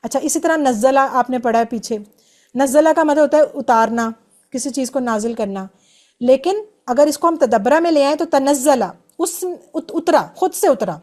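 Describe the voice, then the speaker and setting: A woman's voice: sits high, a little mellow. A woman teaching an online grammar class, explaining patiently step by step and drilling verb forms.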